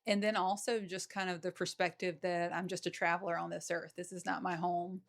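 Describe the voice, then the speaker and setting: A woman's voice: lowish voice, level tone, brisk. A woman with a Southern accent, a podcast guest, talking in a reflective, hesitant way with many fillers. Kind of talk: casual conversation.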